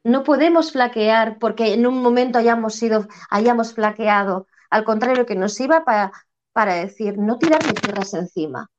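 Spanish woman, reflective spiritual talk guest, higher voice, muffled lo-fi audio. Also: moderate pace. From Spain. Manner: earnest, reflective, repeats phrases for emphasis. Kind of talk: spiritual conversation. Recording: dull lo-fi sound.

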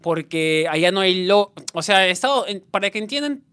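A man's voice: high voice, a little fast, smooth. Man telling stories animatedly. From Peru. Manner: animated storyteller, laughs at himself. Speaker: podcast co-host. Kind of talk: casual chat.

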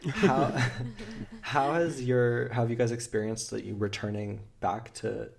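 A man's voice: mid-range voice, fairly even intonation, unhurried, vocal fry, crowd noise. A man hosting a podcast in casual chat, reacting with short exclamations and asking questions. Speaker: podcast host.

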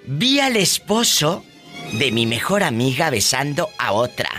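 A man's voice: mid-range voice, sing-song, unhurried, bright, forceful tone, faint music behind. A man with a Mexican accent hosting a live radio comedy call-in show, brash, teasing and theatrical, on a studio mic.

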